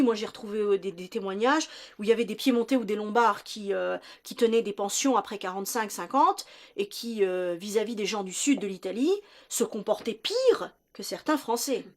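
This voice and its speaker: A woman's voice: mid-range voice, fairly quick. A woman answering interview questions, explaining in detail and often searching for words. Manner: searching for words, restarting phrases.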